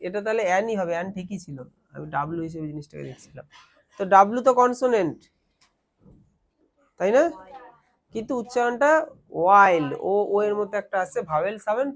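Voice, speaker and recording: A man teaching a grammar lesson in a classroom, explaining step by step and quizzing his students as he goes. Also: high voice.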